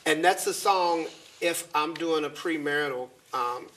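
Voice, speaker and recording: A man with a high voice hosts a faith talk show. His tone is bright and ringing. He talks in an animated, preacherly, encouraging way. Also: measured pace. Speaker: host.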